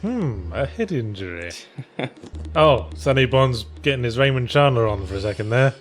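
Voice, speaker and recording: A man commenting on a video game in casual chat, with dry, sardonic, quick jokes. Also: medium pitch, very animated. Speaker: let's play commentator.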